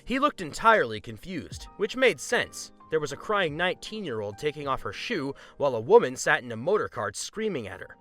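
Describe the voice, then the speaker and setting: A man narrating a first-person story in an expressive, scripted reading. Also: on the high side, fairly quick, hardly any pauses, faint music behind.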